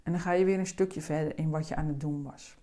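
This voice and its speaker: Slow, gentle woman coach, lowish voice. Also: steady tone. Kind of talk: calm explanatory talk.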